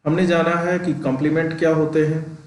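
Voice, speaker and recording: A male teacher giving an exam-prep classroom lesson, slowly repeating terms and checking that students follow. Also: on the high side, flat delivery, recorded from a distance. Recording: echoey room, voice off-mic.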